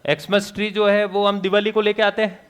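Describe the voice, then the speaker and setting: A male teacher lectures a class. He keeps throwing quick questions at the students and answers them himself, with jokes along the way. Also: high-pitched, level tone, fairly bright tone, clear, resonant tone. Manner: jokey, laughs at his own remarks.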